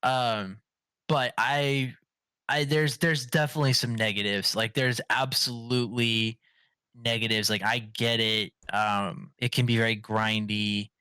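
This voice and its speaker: A man's voice: medium pitch, fairly even intonation, a little slow, bright, forceful tone, clear, resonant tone, no room sound. A man hosting a casual gaming podcast, rambling with many fillers and restarts. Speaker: podcast host.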